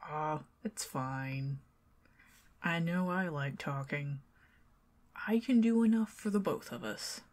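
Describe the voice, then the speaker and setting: Sitting low in pitch, a woman with a Southern American accent moves slowly, leaving long pauses in her ASMR roleplay. She plays a friendly, talkative young neighbor who teases the listener and lets her speech drift into whispers.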